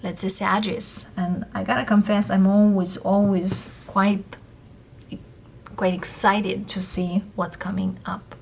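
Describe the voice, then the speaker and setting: Non-native english woman doing a tarot reading, really slow, lots of pauses between little phrases. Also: mid-range voice, little pitch movement, vocal fry, a little mellow, a little hiss or hum. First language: not English. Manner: halting, pausing between short phrases. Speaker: tarot reader host. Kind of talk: casual tarot card reading.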